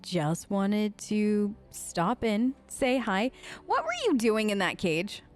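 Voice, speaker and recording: Playing a video game in character, a woman keeps up casual, chatty role-play commentary, conversational and playful. Her medium-pitched voice is sing-song and unhurried, with faint music in the background.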